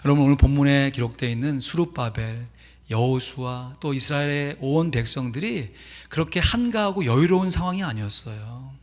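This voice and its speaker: A man's voice: medium pitch, fairly quick. A man pastor preaching a sermon in a church, telling a story animatedly with sudden emphatic rises. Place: church sanctuary. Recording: long church reverb.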